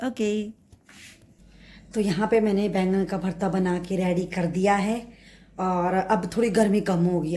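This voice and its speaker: A woman's voice: lowish voice, mellow. A woman chatting casually in a home cooking vlog, rambling with many fillers and restarts, recorded on a phone in her kitchen. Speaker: vlogger.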